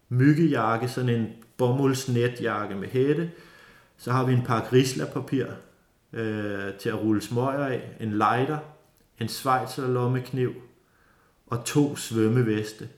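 A man telling a lively, casual story with many fillers and restarts. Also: medium pitch. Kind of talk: casual spoken anecdote. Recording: roomy echo.

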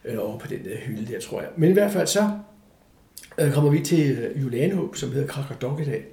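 An older man telling a story from his life in a casual interview, animated, acting out the voices of the people in it. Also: medium pitch, gravelly. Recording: echoey room.

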